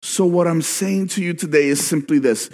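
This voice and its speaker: A male pastor preaching a sermon in a conversational way that builds to emphatic shouts. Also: on the high side, moderate pace, a faint crowd. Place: church sanctuary. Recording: long reverb with faint background music.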